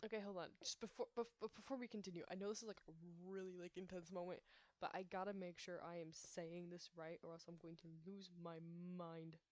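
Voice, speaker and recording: A woman with an American accent reads a visual novel aloud, tripping over names and pausing to chat. Her voice is lowish, steady, brisk and darkish, with no echo. Recorded on a laptop mic, the audio is dull and lo-fi, with game music behind her.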